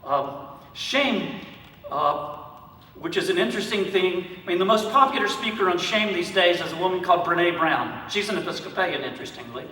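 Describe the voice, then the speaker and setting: Bright-voiced Southern man in an echoey hall. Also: sits high, lively intonation, normal speed. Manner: conversational and humorous, with frequent fillers. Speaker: priest. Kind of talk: conference talk with anecdotes. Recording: echoey hall, speaker far from mic.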